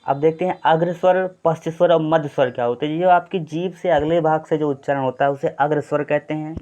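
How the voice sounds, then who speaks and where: Man teaching Hindi grammar, slightly raised pitch. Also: fairly even intonation, a little fast, darkish tone. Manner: explanatory, repetitive, frequent "thik hai" check-ins. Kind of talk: exam-prep Hindi grammar lesson. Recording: slightly dull lo-fi sound.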